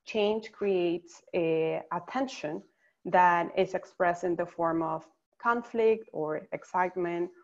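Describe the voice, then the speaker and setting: A woman from Venezuela, a psychologist, presenting slides on a webinar in a measured, explanatory way. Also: lowish voice, dull audio. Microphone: video call.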